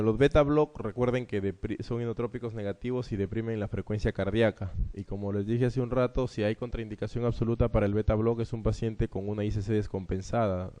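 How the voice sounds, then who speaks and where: A man's voice: fairly low pitch, mellow. A man with a Peruvian Spanish accent giving an exam review lecture on cardiology, explaining each question and often tagging his points with a rhetorical "¿no?". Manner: explanatory, frequent rhetorical "¿no?" tags. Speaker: medical lecturer.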